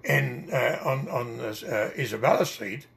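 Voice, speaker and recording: A man's voice: mid-range voice, measured pace, creaky, a bit bright. An older man with a Dutch accent, telling long rambling stories with many hesitations in an oral history interview. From Netherlands.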